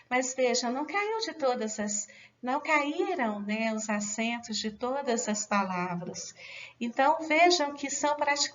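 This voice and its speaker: High-voiced Brazilian woman teaching. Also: highs cut off. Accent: Brazilian Portuguese. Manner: explanatory, repeats and rephrases, addresses students directly. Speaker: Portuguese writing teacher. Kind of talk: online lesson.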